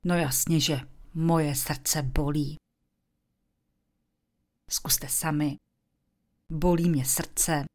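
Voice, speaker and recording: A woman teaching English, speaking slowly and clearly, and sometimes dropping into a whisper to model phrases. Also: low-pitched, fairly even intonation, darkish tone. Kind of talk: slow, deliberate language lesson.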